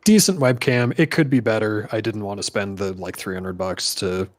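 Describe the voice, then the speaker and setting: Lower-voiced, measured man on a good mic. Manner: measured, hesitant with fillers. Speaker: guest, former streamer. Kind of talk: casual chat on a video call. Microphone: high-end microphone on a video call.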